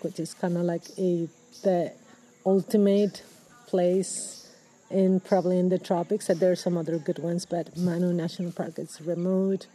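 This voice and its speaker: Peruvian woman in her fifties, dark voice. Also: on the low side, poor audio. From Peru. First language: Spanish. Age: 50s. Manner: thoughtful, halting, many restarts and fillers. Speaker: ecologist guest. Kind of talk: interview recorded outdoors. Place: outdoors in the rainforest. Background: birds, people, general activity.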